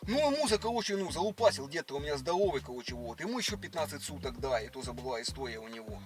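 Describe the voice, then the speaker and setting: Pushy lisping village grandson played by a man, slushy sh for s, rambling and rapid, higher-pitched, music behind. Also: big pitch swings. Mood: rambling, boastful. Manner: rambling, insistent, colloquial storytelling. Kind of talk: prank role-play in casual conversation. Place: inside a car.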